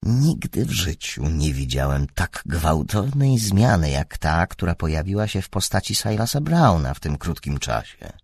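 A man's voice: deep voice, big pitch swings, moderate pace, hardly any pauses, darkish tone, husky, dry recording, studio quality. A man reading a story as an audiobook narrator. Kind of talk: scripted narration.

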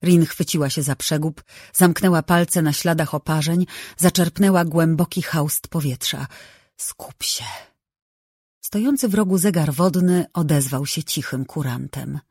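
An audiobook narrator reading a novel in a measured, even way on a close microphone. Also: mid-range voice, slightly rough, no room sound.

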